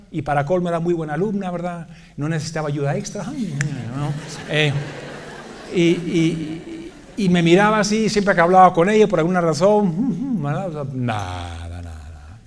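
Male preacher, humorous storyteller, lively delivery, slightly high, faint ambient hiss. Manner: animated, joking, often laughing at himself.

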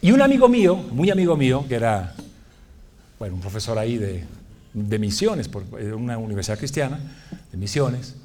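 Lively, joking male preacher. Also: medium pitch, brisk. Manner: animated, joking, often laughing at himself. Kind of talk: humorous sermon storytelling.

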